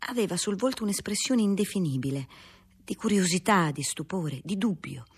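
A woman narrating a classic novel in a measured, steady reading voice, husky in tone. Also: medium pitch.

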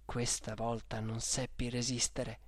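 Audiobook reader, lively storytelling, mid pitch, dry close sound. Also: measured pace, no echo. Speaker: narrator. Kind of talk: audiobook narration.

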